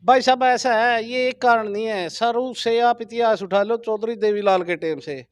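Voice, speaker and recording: A man's voice: extremely high pitch, moderate pace, clear, resonant tone, no echo. A man from Haryana, answering a street political interview in an emphatic, insistent way. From Haryana, India. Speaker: villager interviewed about an election.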